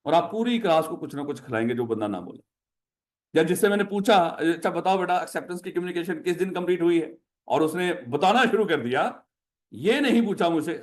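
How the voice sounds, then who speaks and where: A man with a Pakistani Urdu accent lecturing a class, repeating each question to drill it in and calling his students "my child". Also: sits high.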